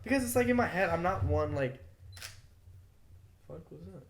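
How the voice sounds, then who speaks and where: A man's voice: on the high side, animated, normal speed, gravelly. A young man co-hosting a podcast, telling a story in a casual, heated way, swearing freely and filling his speech with "like". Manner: swears freely, loose and heated, heavy on "like" fillers. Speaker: podcast co-host. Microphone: podcast mic. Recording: roomy echo.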